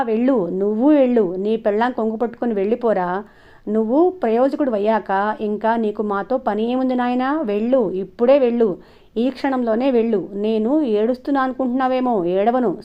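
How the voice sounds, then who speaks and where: A woman's voice: fairly high pitch, moderate pace, highs cut off, lightly acted. Woman doing an agitated, hurt mother. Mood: bitter, hysterical. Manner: agitated, reproachful questions. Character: distraught middle-aged mother, bitter and hurt.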